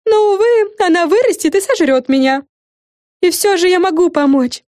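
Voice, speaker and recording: A woman's voice: very high voice, moderate pace, a little mellow, dry recording, studio quality, voice pushed up. A woman voicing a vain, bossy young fairy girl in a storybook reading, talking in a self-important way. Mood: showy.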